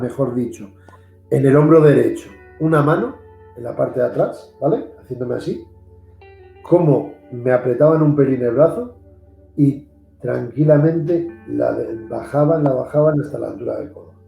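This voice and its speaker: A paranormal investigator and host with a gravelly, dark, medium-pitched voice and a Spanish-from-Spain accent tells a ghost story in a video interview. He narrates earnestly and animatedly, repeating himself for emphasis and acting out the characters' voices. The room is echoey, with faint guitar music behind him.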